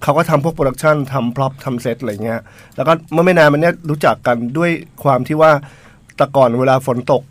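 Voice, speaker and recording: A male radio host in casual banter with his co-hosts, joking between promo reads. His voice sits a touch high. The studio mic is close and completely dry. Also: fast talker, no echo.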